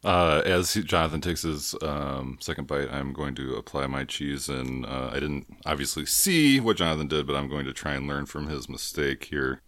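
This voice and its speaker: Man, very low voice, co-host, casual food-tasting chat, mock-formal jokes, dry recording. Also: moderate pace, hardly any pauses, fairly bright tone, dry recording. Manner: jokey, mock-formal, talks with mouth full.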